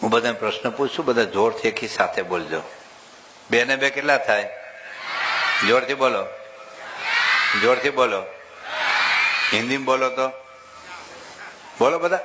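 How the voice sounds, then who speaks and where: A male monk giving a humorous sermon to a live audience, talking in a lively, rhetorical way and quizzing the crowd for loud answers. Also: medium pitch, moderate pace, long pauses, noisy background.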